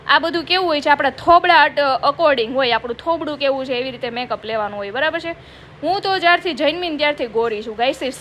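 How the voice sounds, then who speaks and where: A comedy vlogger films a comic makeup video from her office, talking fast in a high, slightly bright voice with a little hiss or hum. She's chatty and self-mocking, calling out to viewers as "guys."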